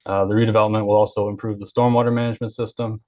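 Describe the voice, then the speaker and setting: A man presenting an engineering project over an online video call, hesitant and full of fillers. His voice sits on the low side and stays flat. The call audio is dull and lo-fi. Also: rapid-fire. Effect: heard over an online video call. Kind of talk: formal project presentation at a public hearing.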